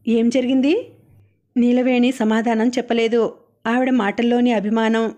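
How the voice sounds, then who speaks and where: Woman, audiobook narrator, calm steady storytelling, flat intonation, mellow tone. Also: a little high.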